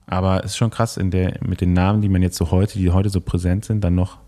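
A low-voiced man in a casual podcast conversation who explains his views at length. He restarts his sentences often as he thinks aloud. His tone stays easygoing. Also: level tone, fast, warm tone. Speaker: podcast co-host. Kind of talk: casual chat about cycling.

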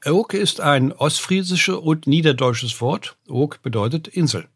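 A man's voice: a little high, unhurried, breathy edge, dry recording, studio quality. An older man, a name researcher and professor, explaining word origins in a podcast, with many "ne?" tags and filler sounds. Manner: lecturing, often adds "ne?" and "äh", lively rises.

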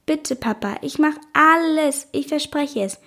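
A woman's voice: high-pitched, unhurried, sharp tone, pitched above the performer's own voice, exaggerated voice. A woman voicing a pleading young schoolgirl. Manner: pleading, whiny. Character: upset young schoolgirl, tearful and stubborn.

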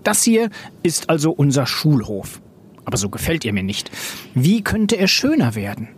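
A man's voice: a little high, very animated, normal speed, a little hiss or hum. A man voicing a dramatic, eccentric female schoolteacher in a theatrical, exclamatory way. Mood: cheerful.

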